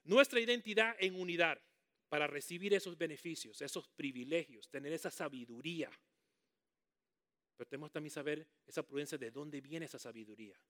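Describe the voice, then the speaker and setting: Man, pastor, sermon, animated, call-and-response, slightly high voice. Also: a little fast. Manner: animated, calls on the congregation to repeat words; jokey asides to the congregation.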